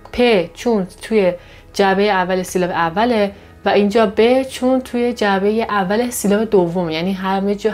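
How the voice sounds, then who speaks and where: A woman teaches a pronunciation lesson in a patient, step-by-step way. She pauses to pronounce each example word carefully, often a bit higher and brighter than her explaining voice. Soft music plays faintly behind her. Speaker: Korean language teacher.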